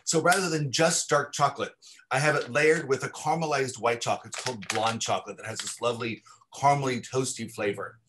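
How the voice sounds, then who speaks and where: A man's voice: mid-range voice, quick pace, noisy background. Chatty chocolatier man on a video call. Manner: enthusiastic, descriptive, with frequent restarts. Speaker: chocolatier, guest. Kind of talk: casual product chat on a livestream.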